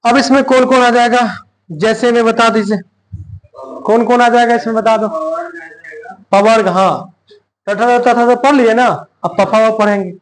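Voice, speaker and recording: A man, teaching grammar slowly in a classroom style, repeating phrases and answering his own questions. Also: extremely high pitch, steady tone, slight background noise, low-quality recording. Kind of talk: slow classroom explanation with questions to students.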